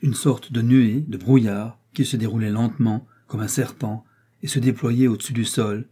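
A man narrating a novel in a slow, dramatic, carefully measured delivery. His voice is dark and mellow, with a husky, slightly veiled edge. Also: medium pitch, fairly even intonation. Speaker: audiobook narrator.

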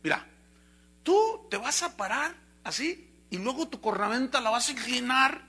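A man voicing a cunning, treacherous male wolf in a spoken fable, raising his voice high and loud. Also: lively intonation, moderate pace, slightly rough, full character voice. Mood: sly. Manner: shouted high-pitched voices in dialogue.

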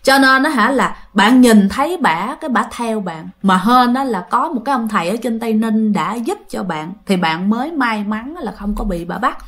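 A woman's voice: a little high, lively intonation, normal speed, hardly any pauses, a bit bright. A woman with a Southern Vietnamese accent telling a ghost story in casual chat, often addressing her listeners and acting out the quoted lines.

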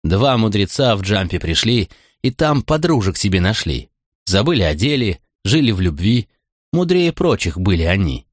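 A man's voice: fairly low pitch, very animated, normal speed, dry recording, clean studio sound. A man reciting rhythmic verse in an audiobook. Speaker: audiobook reader.

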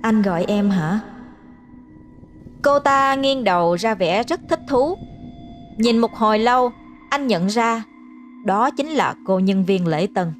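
A woman telling a scripted ghost story in a steady, even narration. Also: a little high, a little slow. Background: faint music.

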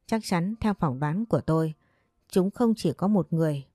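A woman reads as a shrewd village herb doctor, grave and measured, with a low, mellow tone and a dry, close sound. He weighs every word as he gives his warnings. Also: lively intonation, no room sound. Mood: grave, advising.

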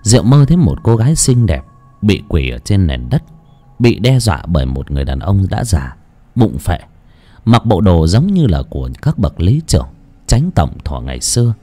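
A man's voice: low voice, big pitch swings, normal speed, warm tone. A man narrating an audiobook expressively. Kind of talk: storytelling narration.

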